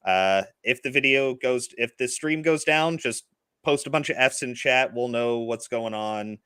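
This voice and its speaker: A man's voice: mid-range voice, unhurried, sharp tone, smooth, dry recording. A man hosting a casual live-streamed movie review chat, rambling with lots of filler words. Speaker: podcast host.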